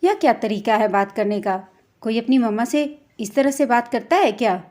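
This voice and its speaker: A woman's voice: on the high side, animated, moderate pace, darkish tone, close to an everyday voice. A woman voicing a strict young mother in a family story, coaxing and scolding her son. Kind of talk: storytelling role voice.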